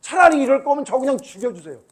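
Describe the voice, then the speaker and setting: A man's voice: very high voice, big pitch swings, fast, voice pushed up. A man putting on a worn-out pleading old prophet. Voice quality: strained, pleading. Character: weary complaining old male prophet pleading.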